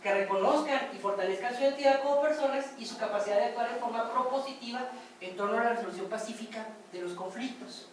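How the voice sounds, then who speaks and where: Telling stories through her classroom lecture, a workshop instructor keeps things conversational and regularly checks that her listeners are following. Her slightly high voice sounds distant in a very echoey room, with faint ambience and slight background noise behind it.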